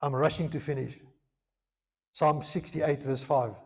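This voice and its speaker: A man's voice: fairly high pitch, fairly even intonation, a little slow. A man preaching a sermon as pastor, earnest, moving between Afrikaans and English and repeating phrases for emphasis.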